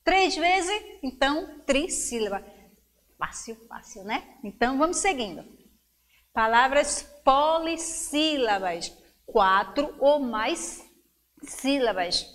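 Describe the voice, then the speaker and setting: A woman's voice: sits high, big pitch swings, slow, fairly bright tone. A woman teacher giving a lesson to young children, encouraging them and stretching words out syllable by syllable. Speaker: schoolteacher.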